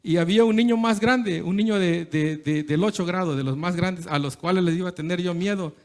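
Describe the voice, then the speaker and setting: A man's voice: high voice, a little fast, darkish tone. A man preaching an informal sermon, often checking in with "¿verdad?" and mixing in English words. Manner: conversational, keeps asking "¿verdad?", slips into English words; hesitant restarts, chuckles between phrases.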